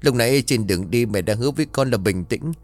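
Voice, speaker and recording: Man playing a daughter, gentle, pleading, soft-spoken. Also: medium pitch, expressive, fast talker, dry recording, lightly acted. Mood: consoling. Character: young daughter gently consoling her mother.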